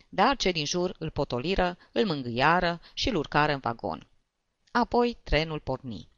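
Lively expressive audiobook reader. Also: mid-range voice, no echo, lo-fi sound. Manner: expressive storytelling. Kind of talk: audiobook narration.

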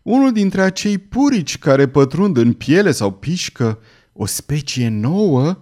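A man's voice: a little high, sing-song, a little mellow, voice pushed up. A man doing a fussy, pedantic bug-obsessed cousin. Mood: earnest. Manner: pedantic, prim, easily offended. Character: fussy eccentric male entomologist cousin.

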